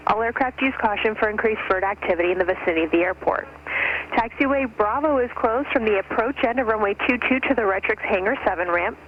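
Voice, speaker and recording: A machine voice reading an automated airport weather and runway broadcast over aircraft radio, in an even, clipped readout of numbers and notices. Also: mid-range voice, quick pace, lo-fi sound, slight background noise. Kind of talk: recorded airport information broadcast.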